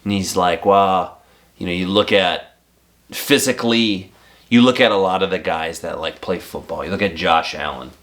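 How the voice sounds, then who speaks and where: A man in his thirties hosts a casual golf chat from his own home. His voice is very deep. His manner is relaxed, with a casual curse here and there. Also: normal speed. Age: 30s. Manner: laid-back, swears casually. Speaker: podcast host.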